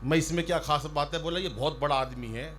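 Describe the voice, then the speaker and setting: A man performing as a comic poet on stage, ribbing fellow poets and telling jokey stories in a loud, teasing manner. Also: on the high side, fast, soft background music. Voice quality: loud, ribbing, storytelling with mock shouts. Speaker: stand-up poet. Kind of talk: humorous poetry recital banter. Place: outdoor stage by a river.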